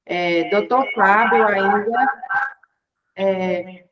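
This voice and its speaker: A woman's voice: medium pitch, very slow, muffled recording. A woman moderating a webinar over a video call, her audio echoing back her own words as she struggles to fix her sound. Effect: echoing audio that repeats her words. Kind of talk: introducing speakers.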